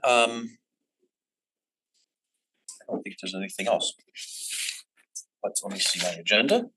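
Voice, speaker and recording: A man chairing a town commission meeting, reading public comments with many pauses and filler words. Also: on the low side, pushed and bright, slight background noise, poor audio. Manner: halting, many ums and restarts.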